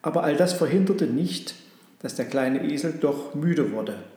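A man's voice: a little high, animated, a little slow, mellow. Man reading a storybook, echoey room. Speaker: narrator.

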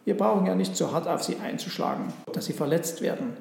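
A man's voice: fairly high pitch, lively intonation, brisk, vocal fry, darkish tone, a little hiss or hum. A man voicing the eldest of three poor robbers, commanding and plotting, in a storybook reading. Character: scheming older male robber, leader of three. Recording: roomy echo.

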